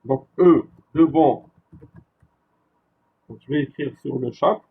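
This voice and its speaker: A male university lecturer giving a classroom lecture, slow and repetitive, checking with his listeners after each point. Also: medium pitch, vocal fry, phone-quality sound. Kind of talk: classroom lecture on French spelling.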